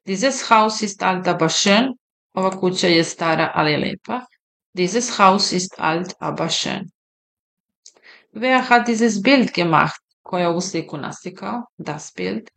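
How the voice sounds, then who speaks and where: Slow, lower-voiced woman teaching German. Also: vocal fry. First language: Serbian. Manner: repeats example sentences slowly, explains in a relaxed, conversational way. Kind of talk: slow, deliberate language lesson.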